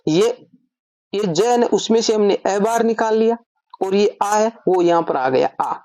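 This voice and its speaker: Woman teaching grammar, dark and dry. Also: medium pitch, measured pace, no echo. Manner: explains step by step, asks and answers her own questions. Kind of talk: online grammar lesson.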